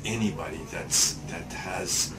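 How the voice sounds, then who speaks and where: Older guy in his 60s, low voice, lots of uh and repeats, hissy clinic room sound. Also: a little slow. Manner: hesitant, many fillers and repeated words. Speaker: patient giving a testimonial. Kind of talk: casual interview answers. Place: small clinic exam room, indoors.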